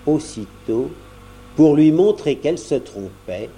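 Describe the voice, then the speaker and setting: A man reading a children's story aloud as narrator, in an expressive, lilting way. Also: a little high, slow pace.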